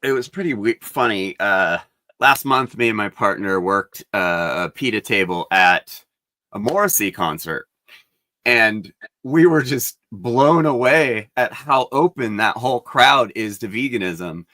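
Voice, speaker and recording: A man in his forties hosting a podcast, talking in a relaxed, rambling way full of fillers. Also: fairly low pitch, a little slow, no echo. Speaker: podcast host. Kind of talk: casual interview conversation.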